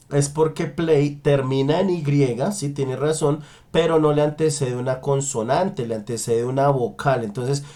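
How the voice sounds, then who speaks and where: A man teaching an English lesson, slowly drawing out example sentences and checking in with his students often. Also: a little high, darkish tone. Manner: slow, drawn-out model sentences in English. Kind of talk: online language lesson.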